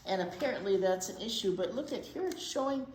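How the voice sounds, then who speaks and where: Brisk and lively, with a medium-pitched, darkish voice, a woman reads a picture book to young children as a librarian storytime host. Simple explanations and chatty asides fill her reading, captured in an echoey room with faint background noise.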